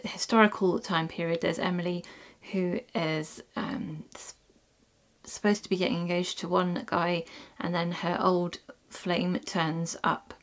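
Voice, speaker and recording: A woman giving casual book reviews. Her voice sits a little low for a woman. She rambles easily, trailing off and restarting with frequent ums. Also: flat delivery, unhurried. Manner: chatty, many ums and restarts.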